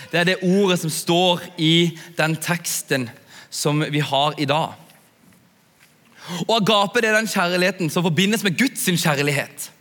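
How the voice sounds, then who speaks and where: A young man preaching to a youth audience in a relaxed, chatty way, often asking his listeners to agree. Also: on the high side. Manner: chatty, asks "ikke sant?" often. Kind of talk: sermon. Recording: long hall reverb.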